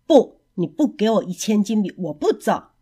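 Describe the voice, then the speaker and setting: A woman's voice: mid-range voice, very animated, normal speed, dark tone, husky. A woman voicing a wronged male piper in a storybook, speaking firmly and insistently. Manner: firm, insistent.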